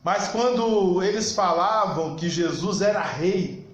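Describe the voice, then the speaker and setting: A man with a Brazilian Portuguese accent preaching a sermon in a church, talking fast and emphatically and rising at times to shouts. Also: high voice, lo-fi sound. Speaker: pastor. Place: church hall. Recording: echoey church hall.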